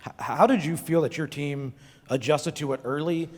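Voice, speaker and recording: A man's voice: on the high side, normal speed. A man sports reporter asking an analytical question at a press conference. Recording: echoey press room with long reverb.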